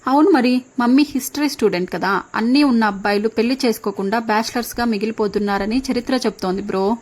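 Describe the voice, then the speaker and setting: A playful young sister teases her brother in a chatty, joking way, voiced by a woman narrator. The voice sits a little high and stays bright with fun. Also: fast, natural voice. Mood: teasing. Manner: chatty, teasing.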